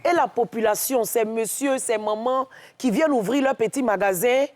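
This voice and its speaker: A woman with an Ivorian French accent, a guest on a TV talk show, telling a story in a lively way and acting out what each person said. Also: fairly high pitch, moderate pace. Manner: lively, tells stories in the first person and acts out what each person said. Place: TV studio.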